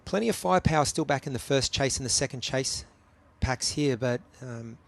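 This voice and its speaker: A man's voice: mid-range voice, normal speed, gravelly. A man giving live race commentary, analytical and chatty, with frequent ums between points.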